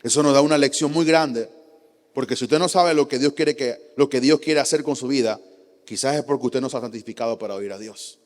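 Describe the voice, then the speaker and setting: A pastor with a Panamanian Spanish accent preaches a sermon in a church sanctuary, his medium-pitched voice moving fairly quickly. He uses rhetorical questions and emphatic repetition, and he acts out quotes from churchgoers. A long hall reverb fills the recording.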